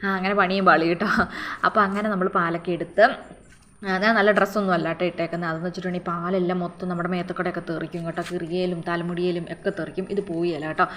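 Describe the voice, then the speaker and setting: A woman from the Kerala highlands telling a personal story to her viewers in a rambling, casual way. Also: level tone, very fast, fairly bright tone, slight background noise. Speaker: vlogger. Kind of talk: storytelling narration.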